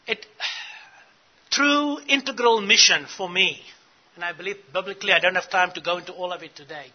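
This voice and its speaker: The high-pitched voice belongs to a middle-aged conference speaker from South Africa delivering an earnest teaching talk to church leaders while asking the audience questions. The sound is lo-fi.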